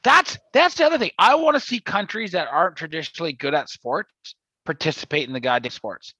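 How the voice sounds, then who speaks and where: A man co-hosting a podcast in casual chat, animated, laughing often and swearing casually. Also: on the high side, a little fast, breathy edge, no echo, lo-fi sound. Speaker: podcast co-host. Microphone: video call.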